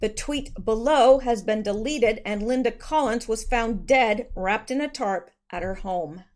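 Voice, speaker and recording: A woman's voice: a little high, a little slow, a little mellow. Chatty woman host musing aloud. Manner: loose and conversational, with frequent ums and self-corrections. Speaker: channel host. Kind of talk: casual commentary reading and discussing tweets.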